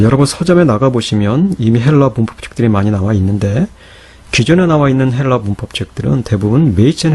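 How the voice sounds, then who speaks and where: A middle-aged man giving a patient Greek grammar lecture, asking rhetorical questions and slowing down to sound out syllables. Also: lowish voice, dark tone, husky. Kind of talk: explanatory lecture.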